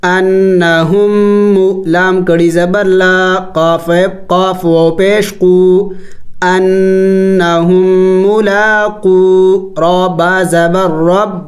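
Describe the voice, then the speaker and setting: A man teaching Quran recitation with tajweed, spelling letters and vowels slowly, then explaining the rules quickly. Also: high voice, flat delivery, faint music behind.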